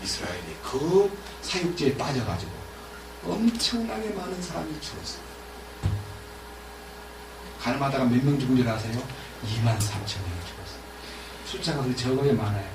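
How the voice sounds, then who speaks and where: A man preaching a sermon as pastor, animated and asking his congregation questions while he retells scripture. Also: medium pitch, fairly quick, pauses often, noisy background. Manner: animated, acts out biblical dialogue, asks the congregation questions. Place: church. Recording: echoey church room from far off.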